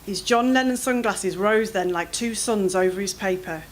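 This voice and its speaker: A woman reading her own first-person fiction aloud at a literary event, in an expressive, anxious storytelling manner. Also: mid-range voice, moderate pace, poor audio.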